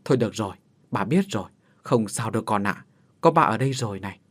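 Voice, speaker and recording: A man voicing a calm middle-aged father gently comforting his frightened daughter. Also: mid-range voice, quick pace. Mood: soothing. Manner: gentle, reassuring.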